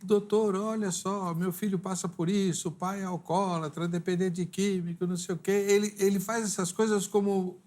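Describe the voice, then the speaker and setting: A man's voice: sits high, steady tone, normal speed, hardly any pauses, darkish tone. A man hosting a TV discussion, probing his guest with questions. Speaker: talk show host. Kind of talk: moderating a TV discussion.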